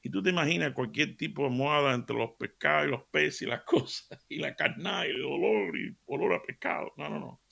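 A man's voice: a little high, a little fast, vocal fry, hardly any pauses, breathy edge. A middle-aged man giving a radio devotional sermon, telling stories animatedly and acting out the dialogue. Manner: animated storytelling with laughs and voiced dialogue. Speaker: radio preacher.

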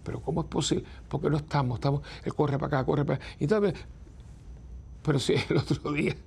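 A man, a priest, preaching a sermon with animated stories, slowing to soft, drawn-out emphasis. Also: fairly high pitch. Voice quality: gravelly, husky. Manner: animated storytelling that drops to slow, soft emphasis.

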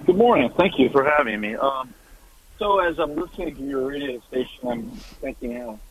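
A man in his sixties calling in to a radio show over a choppy phone connection that keeps breaking up, talking haltingly with many restarts. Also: medium pitch, expressive, a little hiss or hum. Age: 60s. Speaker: caller. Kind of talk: call-in radio talk. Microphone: phone headset. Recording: tinny, breaking-up phone line.

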